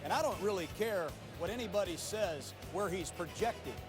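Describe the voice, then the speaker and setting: A man's voice: high voice, lively intonation, moderate pace, over music. A man giving live football commentary as an analyst.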